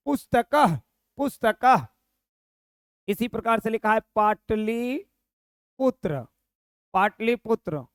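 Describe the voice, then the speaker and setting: A man's voice: sits high, a bit bright, clear, resonant tone, no echo, studio quality. A man teaching Sanskrit grammar in a recorded online lesson, repeating each form and quizzing the viewer.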